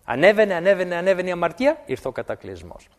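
A man preaching a sermon, animated and repeating words for emphasis. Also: sits high.

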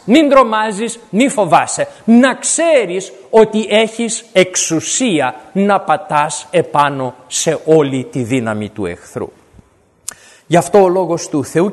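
A man's voice: high-pitched, big-room sound. A man preaching a sermon to his congregation, telling a story and repeating key lines for emphasis.

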